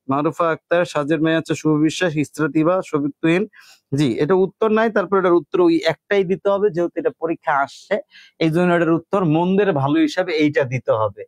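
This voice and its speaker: A young man with a colloquial Bangladeshi Bengali accent runs a live online exam-prep lesson. His voice sits a touch high and is recorded close and dry. He explains each step patiently, calls his students "bhai" and reads out their names as he goes. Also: a little mellow, dry recording. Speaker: teacher.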